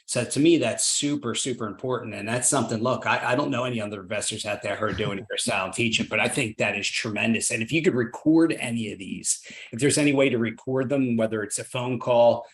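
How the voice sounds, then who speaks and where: Speaking quickly in a mid-range voice, this podcast host, also a real estate investor, keeps the interview upbeat and encouraging. He habitually ends sentences with "right?".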